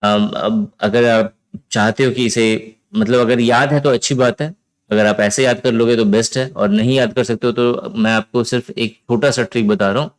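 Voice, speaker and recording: Chatty Indian man teaching vocabulary. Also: on the low side. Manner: casual, chatty explaining with frequent "theek hai?" checks. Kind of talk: vocabulary lesson with memory tricks.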